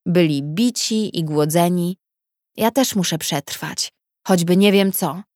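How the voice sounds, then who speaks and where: A woman reading a first-person story aloud in a measured, subdued way. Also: fairly low pitch, a little mellow, no echo, studio quality. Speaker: audiobook narrator. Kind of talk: scripted first-person narration.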